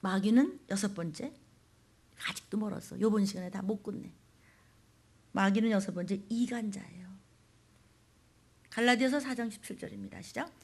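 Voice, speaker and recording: A woman pastor giving a fiery sermon in a church. She jumps between loud declarations and hushed whispers, and puts blunt questions and commands straight to her listeners. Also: medium pitch, normal speed, pauses often, husky.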